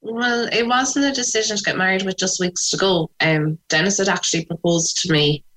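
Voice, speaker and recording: A woman with a west of Ireland accent recounting personal memories in an interview, reflective and pausing softly as she goes. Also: medium pitch, low-quality recording. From Sligo, west of Ireland.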